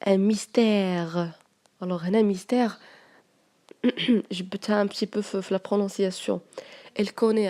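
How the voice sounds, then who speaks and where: A woman teacher with a Moroccan accent, going through French spelling exercises and dictating words slowly. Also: mid-range voice, warm tone.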